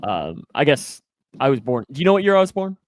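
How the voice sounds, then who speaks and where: This sports show host is a twenty-something man with a medium-pitched voice that swings widely in pitch, and he talks a little fast. On his casual program he speaks emphatically, driving points home through repetition.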